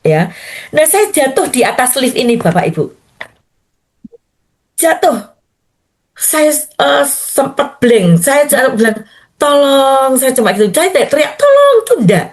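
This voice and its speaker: A woman's voice: sits high, lively intonation, unhurried, long pauses. An older woman pastor, telling a personal testimony in a morning prayer sermon and often addressing her listeners directly. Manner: storytelling, addressing listeners as Bapak Ibu.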